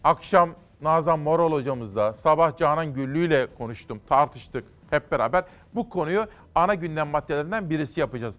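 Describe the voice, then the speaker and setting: A man's voice: on the high side, animated, a little fast, hardly any pauses, fairly bright tone. A man hosting a morning show, reading newspaper stories aloud and commenting in a conversational, emphatic way.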